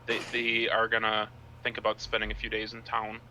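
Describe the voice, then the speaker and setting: A man's voice: lowish voice, monotone, a little fast, bright, forceful tone, slight background noise, poor audio. A man narrating as game master who talks loosely, with many fillers and repeated words.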